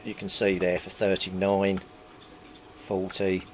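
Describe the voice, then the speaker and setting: This British man speaks slowly in a low, completely flat voice while explaining repairs step by step at his little home workbench. He's a hobbyist, his tone is casual, and there's clear noise on the recording.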